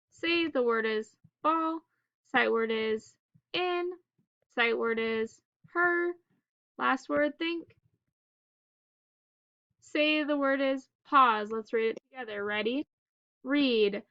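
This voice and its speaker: A woman teacher leading a phonics drill for children in staccato, clipped single words with pauses between them. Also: sits high, no room sound, dull audio.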